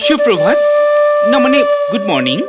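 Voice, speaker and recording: A woman doing a curt, brisk hotel receptionist with a mid-pitched, lively voice, film music behind her. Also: lightly acted.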